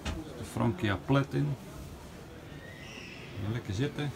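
A man in his forties walks around a campervan fair outdoors, casually vlogging into a phone camera held at arm's length. His mid-range, creaky voice moves slowly in a chatty, relaxed running commentary. The noisy phone recording picks up outdoor ambience and vehicles.

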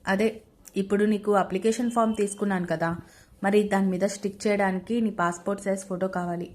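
A woman's voice: mid-range voice, fairly even intonation, brisk, darkish tone, natural voice. A woman voicing a young husband who pleads and reasons between his wife and his mother. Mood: pleading.

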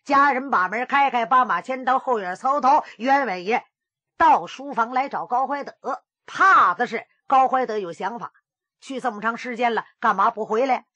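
A woman's voice: fairly high pitch, normal speed, pushed and bright, dry recording. A woman storyteller performing a traditional pingshu tale with dramatic exclamations and vocal sound effects.

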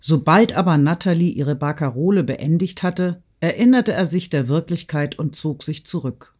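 A man narrating a classic novel audiobook in a measured, literary reading. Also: a little high, lively intonation. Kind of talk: scripted narration.

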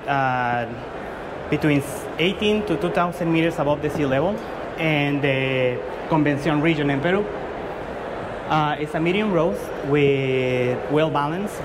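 A man in his thirties from Guatemala, speaking English, earnestly presenting his drink to judges with frequent fillers and restarts. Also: fairly high pitch. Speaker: competing barista. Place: large indoor exhibition hall. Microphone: far camera. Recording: loud hall noise from far off.

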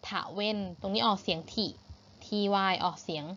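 A woman with a Thai accent teaching English to young pupils, patient and repeating each word slowly for pronunciation. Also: medium pitch, fairly bright tone, highs cut off. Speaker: primary school English teacher. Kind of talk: online English lesson for children.

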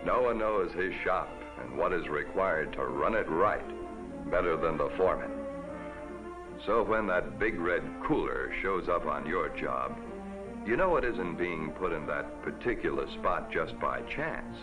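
Old 1950s tv ad guy, low voice bouncing all over, folksy pitchman, music playing under him. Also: lively intonation, measured pace, rough recording. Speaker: commercial announcer.

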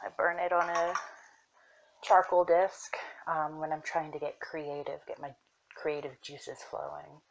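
Low, soft-spoken young woman. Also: flat delivery, slight background noise, rough recording. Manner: unhurried, with fillers and self-corrections. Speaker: apothecary shop owner. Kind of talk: casual show-and-tell.

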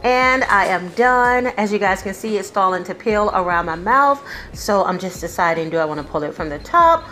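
A woman's voice: medium pitch, animated, moderate pace, bright, forceful tone, faint music behind. Woman talking through a face mask. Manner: enthusiastic, chatty. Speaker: beauty vlogger. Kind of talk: casual product review.

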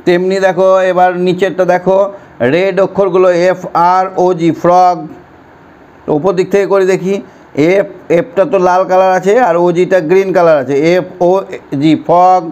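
A primary school teacher speaking slowly and patiently, drilling words and sentences for young children in an online lesson. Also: male voice, sits high, level tone, darkish tone. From West Bengal, India.

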